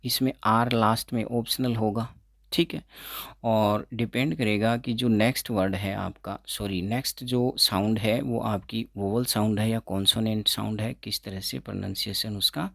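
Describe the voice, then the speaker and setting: A man teaching English pronunciation as an exam-prep tutor, explaining slowly, repeating words and correcting himself as he goes. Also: on the low side, steady tone, gravelly, fairly bright tone, no echo, clean studio sound. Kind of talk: explaining phonetics in Hindi.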